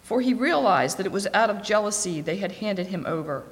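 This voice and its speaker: A woman reads scripture aloud at a steady, clear pace. Her voice sits at an ordinary middle pitch. A long reverb trails behind each phrase. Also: a little fast. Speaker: scripture reader. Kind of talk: scripture reading.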